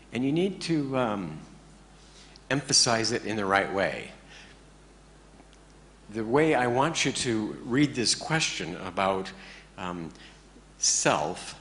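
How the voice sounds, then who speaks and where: A man teaching a class in a relaxed, joking way, often checking in with his listeners. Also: fairly low pitch, a little hiss or hum. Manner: joking, conversational, keeps checking in with the audience. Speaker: meditation teacher. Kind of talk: informal talk to a class.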